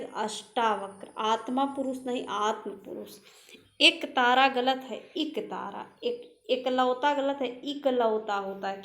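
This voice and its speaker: A woman with a slightly high voice teaches an exam-prep spelling lesson, going very slowly and pausing over each word. She sets the wrong form against the right one and says the right one again. The echo of the room carries her voice. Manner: drills word pairs, correcting wrong forms; slow and deliberate, repeating each word. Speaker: Hindi teacher.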